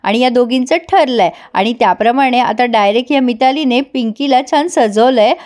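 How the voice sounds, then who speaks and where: A woman's voice: on the high side, moderate pace, a little mellow. A woman retelling a serial episode in a chatty, casual way, talking straight to viewers. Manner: chatty, addresses viewers directly. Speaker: serial recap narrator. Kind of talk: casual storytelling recap.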